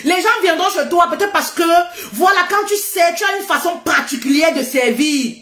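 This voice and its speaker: A woman giving a casual motivational talk, loud and laughing often, repeating phrases for emphasis. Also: very high-pitched, normal speed, echoey room.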